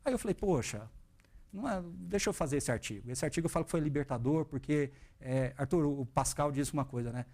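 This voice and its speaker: Man, thirties, from Brazil, quick speech, somewhat high voice, earnest interview guest. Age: 30s. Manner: earnest, animated, quotes his own thoughts. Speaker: guest, investment educator. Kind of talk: interview, reflective storytelling.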